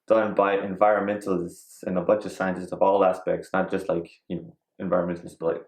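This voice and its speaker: A man with a lowish voice talks in a loose, rambling way, full of ums and quick asides, joking now and then. He sounds like he is in a bare, echoey room. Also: little pitch movement. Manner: rambling, filler-heavy, joking. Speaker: podcast co-host. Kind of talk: casual chat.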